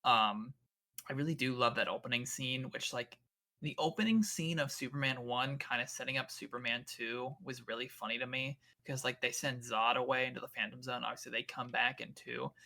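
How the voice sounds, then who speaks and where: A young man talks through a film in a laid-back podcast chat, leaning on "like" as he goes. His bright voice has a gravelly fry running under it, and he sounds easygoing and unhurried. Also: medium pitch. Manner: laid-back, lots of "like" fillers. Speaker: podcast co-host. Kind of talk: casual film discussion.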